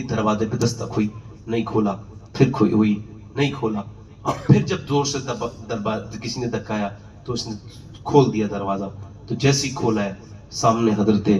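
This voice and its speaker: A man's voice: lowish voice, slight background noise. Dramatic male preacher in an echoey hall. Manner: emotional, dramatic storyteller who acts out the voices of his characters. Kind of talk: devotional sermon with storytelling. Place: religious gathering. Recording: echoey, distant, dull hall sound.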